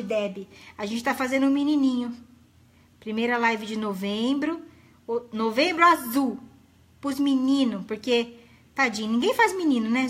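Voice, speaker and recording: A middle-aged woman, hosting a live craft tutorial in a chatty, affectionate way and greeting viewers by name. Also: fairly high pitch. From Brazil.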